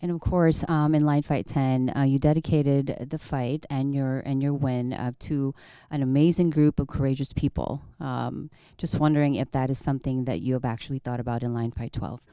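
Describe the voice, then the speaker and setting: Female sports interviewer. Deep, warm, smooth voice, asking prepared questions on a dry, close recording. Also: steady tone, moderate pace, no room sound.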